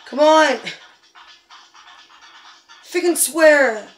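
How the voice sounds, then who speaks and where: High-pitched woman yelling at a racing game. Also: very slow, faint music behind. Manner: swears and yells at the game. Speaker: gamer. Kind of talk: gaming commentary.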